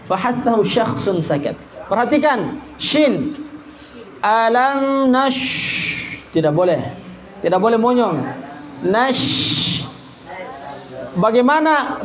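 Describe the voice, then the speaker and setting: A male Quran teacher from Indonesia running a tajwid lesson, repeating syllables and chanting verses slowly for students to copy. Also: very high voice, low-quality recording. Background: group of students in the room.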